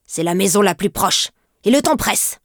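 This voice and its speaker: A woman's voice: medium pitch, lively intonation, moderate pace, no echo, clean studio sound, close to an everyday voice. Brief: bossy storybook stepmother, played by a woman, harsh commands.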